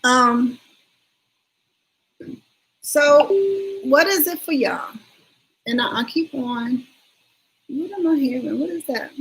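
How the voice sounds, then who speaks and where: A woman's voice: high voice, slow, long pauses, a bit bright, slight background noise, poor audio. Chatty woman rambling on a livestream. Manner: rambling, chatty, addresses viewers directly. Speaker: livestream host. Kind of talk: casual livestream chat.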